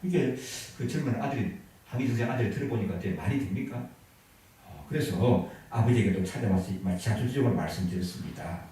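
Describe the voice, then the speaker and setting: A man's voice: lowish voice, lively intonation, a little fast, dark tone, heavy reverb, far from the mic, poor audio. A man preaching a sermon as a pastor, telling a story and asking the congregation questions. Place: church sanctuary.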